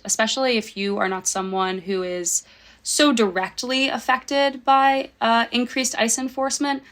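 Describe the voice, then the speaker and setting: A woman's voice: medium pitch, fairly bright tone. A woman reporter speaking earnestly as a podcast guest, with frequent ums and uhs. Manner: earnest, uses fillers like um and uh. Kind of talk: podcast interview.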